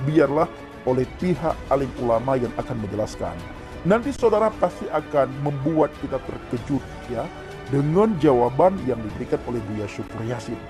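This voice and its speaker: A man introducing a church channel video, speaking in a measured way and addressing viewers directly. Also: mid-range voice, lively intonation, over music.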